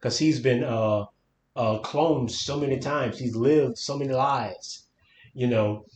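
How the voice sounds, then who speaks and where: A man co-hosts a podcast in loose, casual conversation. He thinks aloud and searches for his words as he goes. His mid-pitched voice is caught in a reverberant room with a faint low rumble underneath. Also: slow pace, darkish tone. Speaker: podcast co-host. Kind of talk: casual book-discussion chat. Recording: roomy echo.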